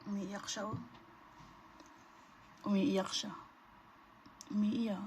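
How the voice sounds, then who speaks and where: A woman gently coaxing and talking to a small bird, mixing two languages. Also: medium pitch, little pitch movement, very slow. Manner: coaxing, mixes Tagalog and English. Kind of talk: casual talk to a pet bird. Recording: muffled with clear background noise.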